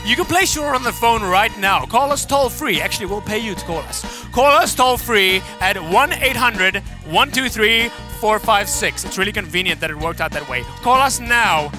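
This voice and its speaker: Man putting on infomercial pitchman, thick american accent, high, shouty, music behind. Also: lively intonation, normal speed, hardly any pauses. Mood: frantic. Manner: frantic, shouting sales pitch. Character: pushy hyperactive male infomercial pitchman.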